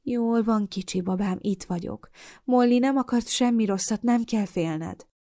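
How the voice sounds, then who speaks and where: A domineering middle-aged mother bursts into rage, her voice climbing high and loud with every accusation, put on by a woman reading the story. She scolds sharply and never gives ground. This is audiobook narration. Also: no room sound, studio quality, lightly acted. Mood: cooing. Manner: shouting, scolding.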